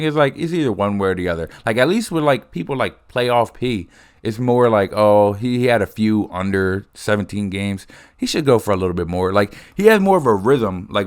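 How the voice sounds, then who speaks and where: A young man in a rambling, profane casual rant, talking close to the mic. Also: on the low side. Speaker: host.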